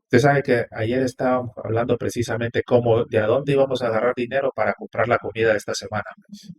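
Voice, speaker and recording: A man's voice: medium pitch, steady tone, fast, a little hiss or hum. A man from Honduras, a podcast guest who tells a story animatedly and quotes each line of dialogue. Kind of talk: storytelling interview.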